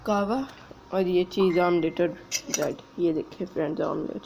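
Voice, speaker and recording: A woman's voice: lowish voice, a little slow, creaky, warm tone, slight background noise, rough recording. A woman filming a casual home vlog on her phone camera in her kitchen. She chats to her viewers as friends and coos at a small child. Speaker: family vlogger.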